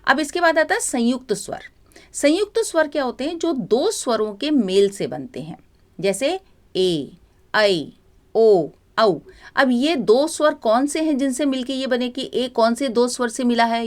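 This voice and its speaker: A woman Sanskrit teacher giving a grammar lesson to students, explaining patiently and drawing out sounds as examples. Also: fairly high pitch. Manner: slow drawn-out demonstration of sounds.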